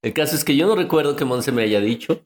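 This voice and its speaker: A podcast co-host from Mexico City speaks fast in an expressive, mid-range voice during casual chat. He rambles and jokes, cutting himself off and restarting sentences.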